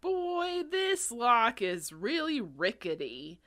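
A woman's voice: a little high, wildly swooping pitch, slow pace, fairly bright tone, heavily acted. A woman voicing a nervous boy ghost-hunter who stammers and shakes, reading a storybook aloud. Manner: shaky, stammering.

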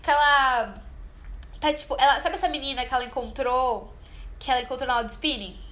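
A woman's voice: sits high, a little fast, a bit bright. A young woman co-hosting a casual chat, talking loosely with many fillers and acting out bits of dialogue. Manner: chatty, many fillers, acts out quoted dialogue. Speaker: podcast co-host. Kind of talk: casual chat, recommending a film.

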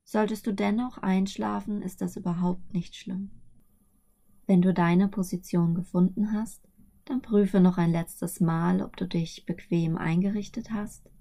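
Slow, breathy woman narrating sleep meditation. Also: mid-range voice, steady tone. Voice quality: soft, breathy. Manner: soothing, hushed, often near whisper.

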